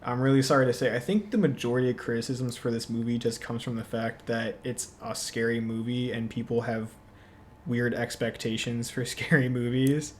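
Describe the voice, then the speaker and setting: A man co-hosting a podcast, chatting casually about movies, relaxed and quick to laugh. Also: mid-range voice, a little hiss or hum. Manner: relaxed, laughs often, lots of fillers. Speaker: podcast co-host. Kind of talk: casual movie review chat.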